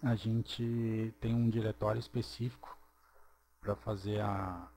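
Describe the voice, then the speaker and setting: A man narrating a screen-recorded programming tutorial, walking through each step slowly and checking in with "ok?". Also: lowish voice, level tone, dark tone. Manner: slow, step-by-step, checks in with "ok?" and "certo?".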